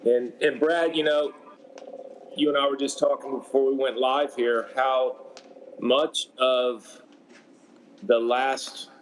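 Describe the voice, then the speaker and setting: A man adding color commentary to a paddle match, his voice sitting at an ordinary middle pitch. He talks in a loose, conversational way, often circling back and restarting his phrases. A faint hum of outdoor noise runs underneath. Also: level tone, slow, long pauses, rough recording. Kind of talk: sports commentary.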